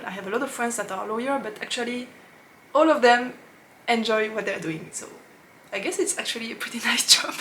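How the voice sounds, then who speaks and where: A woman with a French accent, a knitting podcast host chatting casually, laughing often and pausing with fillers as she searches for English words. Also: on the high side, a bit bright, slight background noise. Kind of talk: casual chat to camera.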